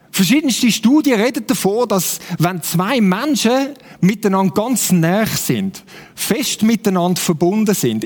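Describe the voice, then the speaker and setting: High-voiced Swiss preacher in a hall. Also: male voice, a little mellow. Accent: Swiss German. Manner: conversational, keeps asking the congregation "oder?". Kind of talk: sermon. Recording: long hall reverb.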